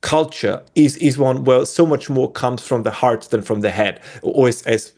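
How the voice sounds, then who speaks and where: A man with an Austrian German accent joins a discussion as a guest, his mid-range voice husky and a little mellow at a normal pace. Thoughtful in manner, he keeps restarting phrases as he looks for words.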